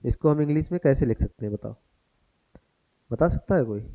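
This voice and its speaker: A man's voice: medium pitch, expressive, a little fast, dark tone. A man teaching a grammar lesson for exam prep, who turns each point into a question for the class and mixes English terms into his explanation.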